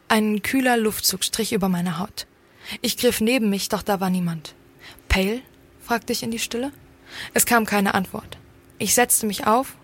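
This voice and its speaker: A woman reading a first-person story aloud in a calm, measured way. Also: mid-range voice, breathy edge. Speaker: story reader. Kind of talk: scripted story narration.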